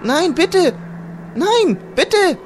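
A man's voice: extremely high pitch, big pitch swings, extremely slow, background noise, voice pushed up, heavily acted. A man playing a breathless, desperate woman. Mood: begging.

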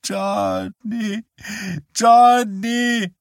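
A frail old mother on her deathbed, as a male reader puts her on, raised high above his own voice and drawn out slowly. Her voice is dry, rough and rattling, whining and sinking into a whisper. Audiobook reading in a dry room. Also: steady tone, no room sound, heavily acted. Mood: weak, whining. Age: older. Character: frail dying old mother after a stroke.

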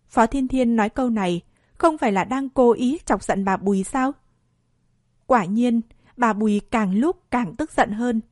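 Woman reading a story out loud, kinda high voice, no room echo. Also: studio quality. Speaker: narrator. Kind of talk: storytelling narration.

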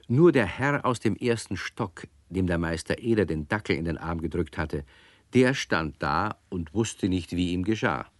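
A male actor with a low voice plays a lively storyteller, narrating a scripted radio play for young children. The recording is dry.

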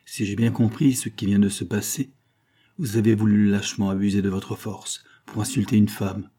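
Guy reading as a brave young hunter, steady earnest voice, low and a bit husky, audiobook. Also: moderate pace, natural voice.

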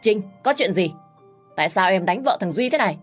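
A woman's voice: medium pitch, animated, brisk, soft background music, voice pushed up, close to an everyday voice. A woman voicing a concerned, firm brother-in-law who questions urgently in a storybook reading.

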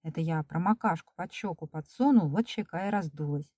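A woman's voice: low-pitched, a little fast, warm tone, no room sound, clean studio sound, recorded from a distance. Woman reading children's stories aloud. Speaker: storyteller.

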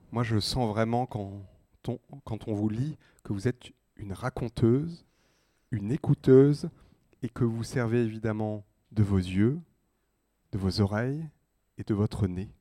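Radio host guy, mellow lowish voice, measured intros. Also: dry recording, clean studio sound. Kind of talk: radio interview hosting.

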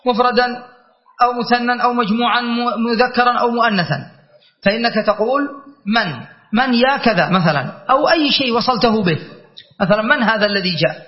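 A man teaching a classical grammar lesson, reciting verse lines slowly and then explaining them with frequent checking questions. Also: high-pitched. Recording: dull lo-fi recording.

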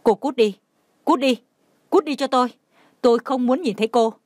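A woman's voice: sits high, moderate pace, a little mellow, dry recording, studio quality, pitched above the performer's own voice. A woman voicing a bitter widow in her sixties, wailing and hurling furious accusations.

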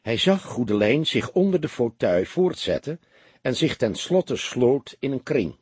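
A man narrating a detective audiobook in an expressive storytelling manner. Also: mid-range voice, unhurried, breathy edge, no room sound.

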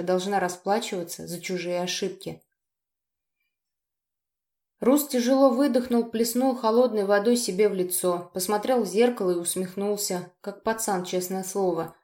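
A woman narrating a dark novel in the first person, emotional and at times pleading. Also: medium pitch, normal speed. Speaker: audiobook narrator. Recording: roomy echo.

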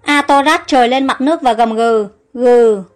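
Rich: A woman with a high, light voice narrates a tale, reading every character's lines herself. Soft music plays faintly behind her. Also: a little fast. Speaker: storyteller. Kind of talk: scripted story narration.

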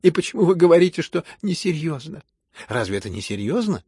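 A man voicing a sharp-tongued proud young woman. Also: on the high side, sing-song, a little fast, breathy edge, no echo, studio quality, voice pushed up. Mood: mocking, indignant. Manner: sharp, mocking, challenging. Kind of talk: audiobook character voice.

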